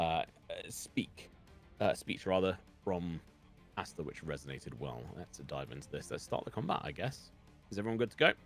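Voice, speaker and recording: Deep-voiced guy gm-ing a dnd stream, lots of ums and uhs, voice a bit weak, quiet music behind. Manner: rambling with many fillers. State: slightly weak voice. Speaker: game master. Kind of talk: narrating a live-streamed tabletop game. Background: faint music.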